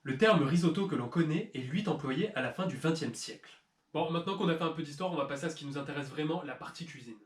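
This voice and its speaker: This cooking channel host talks quickly in a fairly high pitch, his narration carrying a roomy echo. Jokey and teasing, he walks through the dish's history and ingredients with deadpan mock-serious humor.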